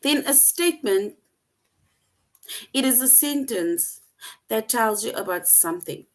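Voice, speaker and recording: A woman's voice: a little high, lively intonation, a little slow. A woman teaching an online English lesson to young children, patient and repetitive, often checking in with "right?".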